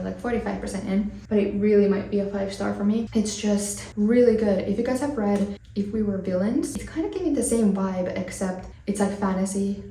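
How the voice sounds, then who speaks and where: Here a twenties-aged woman from Finland rambles casually with fillers as she does her makeup for a chatty get-ready-with-me vlog. Her mid-range voice has a dark tone, and the rough recording was made far from the mic in an echoey room.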